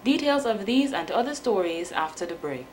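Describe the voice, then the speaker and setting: A woman with a Dominican Caribbean accent reading the news in a formal, measured way. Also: medium pitch, big pitch swings, darkish tone, faint music behind, low-quality recording. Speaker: news presenter.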